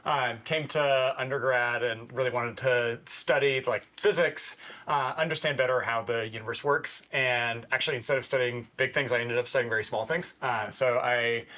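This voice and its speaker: A man, a company cofounder, explaining his work clearly in a casual interview. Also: mid-range voice, fairly even intonation, moderate pace, pushed and bright. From Denver, Colorado. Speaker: cofounder and CSO.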